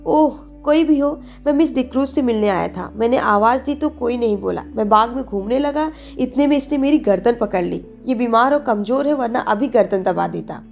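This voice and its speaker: A woman's voice: a little high, lively intonation, normal speed, creaky, few pauses, darkish tone, faint music behind. A woman voicing a hot-tempered young man who speaks curtly and scolds in an audiobook. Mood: indignant. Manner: scolding, curt.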